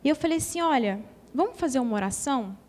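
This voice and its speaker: A woman's voice: high voice, lively intonation, fast, a little mellow. A Brazilian woman giving an earnest, emotional testimony in a church hall. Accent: Brazilian Portuguese.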